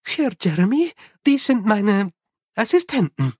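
A man's voice: sits high, very animated, measured pace, darkish tone, slightly rough, dry recording, clean studio sound, pitched above the performer's own voice, exaggerated voice. A man voicing a stiff, formal noblewoman who speaks primly.

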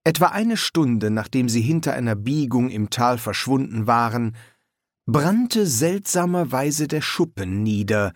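A man reading an audiobook with expressive, measured narration. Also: mid-range voice, no echo, clean studio sound. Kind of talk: scripted narration.

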